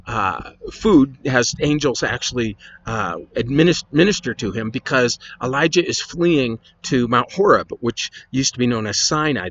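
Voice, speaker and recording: A man's voice: mid-range voice, fairly bright tone, dull audio. A man, a pastor, retelling Bible stories in a casual, conversational lesson with chatty asides.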